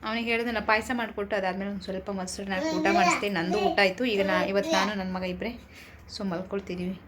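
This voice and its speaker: A woman vlogger with a Malnad Kannada accent chats casually to her viewers at home, speaking very fast in a steady, mid-range voice. She also coaxes her little son with playful baby talk. The home phone recording is noisy.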